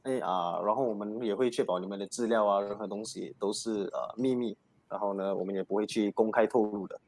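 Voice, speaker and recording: A man's voice: lowish voice, fairly even intonation, fairly quick, darkish tone. A man hosting an advice show, talking casually with many fillers. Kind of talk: casual radio talk.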